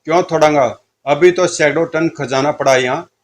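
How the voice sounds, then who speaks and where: A man's voice: fairly high pitch, normal speed, a little hiss or hum, close to an everyday voice. A man voicing an earnest, resolute young comic-book hero. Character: heroic serpent-powered young man, calm and loyal.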